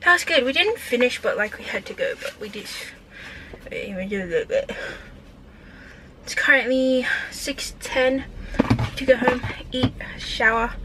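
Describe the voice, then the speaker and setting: A woman's voice: a little high, normal speed, bright, forceful tone, slight background noise, low-quality recording. A woman, chatting casually into a handheld camera in a rambling vlog style. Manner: chatty, rambling, filler-heavy. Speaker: vlogger. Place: car, gym and home. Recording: music playing behind.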